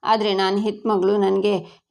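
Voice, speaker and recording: A woman voicing an enraged middle-aged father who shouts threats over his dead daughter. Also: mid-range voice, little pitch movement, measured pace, creaky. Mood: furious.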